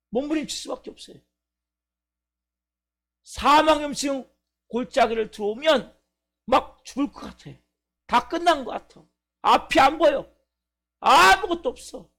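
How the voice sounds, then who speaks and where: A man's voice: extremely high pitch, fairly bright tone. A male pastor preaching at a church service, emphatic, asking the congregation questions and answering them himself. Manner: acts out a crying baby's complaints. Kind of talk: sermon.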